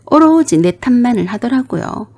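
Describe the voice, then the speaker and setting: A woman telling a family story as scripted narration, steady and plain, with blunt retorts in her own part. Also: a little high, normal speed.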